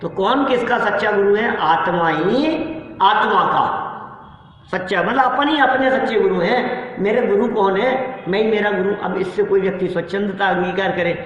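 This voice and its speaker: A man's voice: high voice, moderate pace, fairly bright tone. A man giving a religious sermon who keeps putting rhetorical questions to his listeners. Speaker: Jain preacher. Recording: echoey hall, dull sound.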